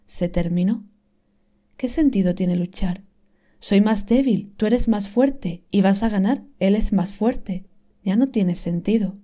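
Soft-spoken woman reading slowly, mellow tone. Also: medium pitch. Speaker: reader of inspirational texts. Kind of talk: calm scripted reading.

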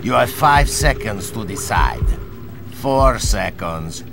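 An actor playing a menacing, curt military officer with a gravelly voice in a video game. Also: male voice, fairly low pitch, expressive, slow, over music, heavily acted. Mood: cold threat. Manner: curt, commanding, threatening. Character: menacing foreign military officer demanding a weapon key. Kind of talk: video game cutscene acting.

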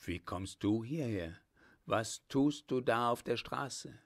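A man's voice: mid-range voice, expressive, slow pace, vocal fry, exaggerated voice. A man voicing a brave, ardent young male lieutenant with a firm, earnest manner. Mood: tender.

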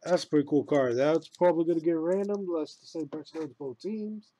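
A man hosting a live sports card break, announcing each card pulled with a slow, loud build and casual laughing asides. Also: on the high side, low-quality recording.

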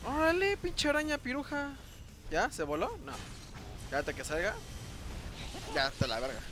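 A man with a Mexican Spanish accent giving live gameplay commentary, excitable and cursing at enemies. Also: very high voice, moderate pace, noisy background. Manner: excitable, swearing, shouting at enemies. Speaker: gameplay video host.

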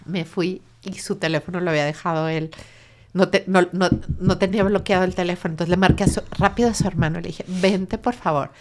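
A middle-aged Mexican woman, an interview guest, telling a painful personal story in a soft, halting voice that often sinks to a near whisper. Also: on the low side, fairly even intonation. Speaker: interview guest, bereaved mother. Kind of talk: emotional personal testimony.

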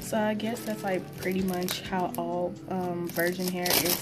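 A woman's voice: lowish voice, fairly even intonation, a little slow, loud music behind the voice. A young woman giving a casual, rambling product review in a small room, talking with a sore, stitched mouth after having teeth pulled. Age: young adult. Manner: informal, rambling. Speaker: beauty vlogger. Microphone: phone propped at arm's length.

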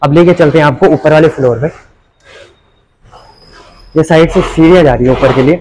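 A young man hosting a real estate channel, giving an upbeat sales pitch as he walks a street and an empty shop, with short pauses between phrases. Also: a little mellow, slight background noise, low-quality recording. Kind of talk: property walkthrough narration.

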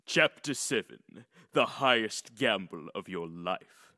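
A man narrating a first-person fan audiobook, expressive, with smug asides. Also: on the low side, slow. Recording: long echoey reverb.

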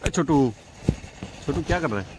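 A man's voice: on the high side, lively intonation, moderate pace, noisy background. Laughing young man vlogging at a night campsite. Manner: laughing, playful teasing. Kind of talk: casual chat with friends.

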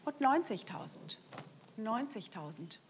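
A middle-aged woman auctioneer stands at a lectern in an indoor saleroom, calling bids live through a lapel microphone. Her voice is a little high with big pitch swings and an unhurried pace, and she repeats the figures with emphatic stresses over a slight hiss or hum.

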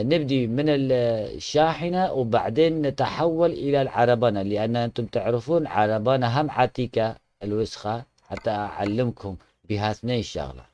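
An Iraqi-accented man talks casually through a game tutorial in an ordinary middle-pitched voice. He is chatty and fond with his viewers and often breaks off and restarts his words. Faint noise sits under the voice. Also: a little mellow. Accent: Iraqi Arabic. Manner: chatty, addresses viewers fondly, frequent restarts. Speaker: gaming channel host showing a truck mod.

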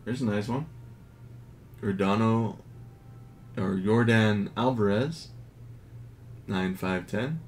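Male collector, low-key and unhurried, casual unboxing talk over a noisy background. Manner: slow, low-key commentary, grades read in a flat list. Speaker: card collector. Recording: audible background noise.

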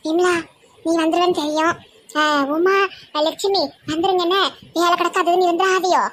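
A woman's voice: extremely high pitch, flat delivery, moderate pace. A woman with a Tirunelveli Tamil accent acting in a slang comedy skit, talking in a scolding, gossipy village way. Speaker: comedy sketch performer.

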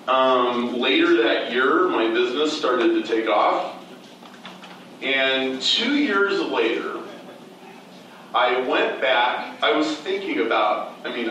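A man of middle pitch tells a story to a live seminar crowd, starting over again and again and leaning on fillers. His voice rings around a very echoey room and sits some way back from the microphone, with a faint hiss behind it. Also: fairly bright tone, far from the mic. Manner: rambling with many restarts and fillers. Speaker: speaker at a seminar. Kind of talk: storytelling talk to a live audience. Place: event room on stage.

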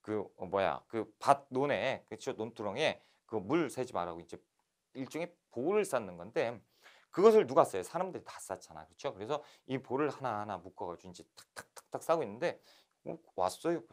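A man from Korea giving a lively history lecture for exam candidates, telling the events as animated stories. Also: medium pitch, fairly quick. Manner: animated storytelling, acting out scenes. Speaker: history instructor.

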